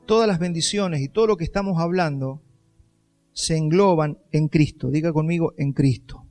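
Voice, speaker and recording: A man's voice: fairly high pitch, moderate pace, darkish tone, faint music behind. A male pastor, giving an emphatic sermon and putting rhetorical questions to the congregation.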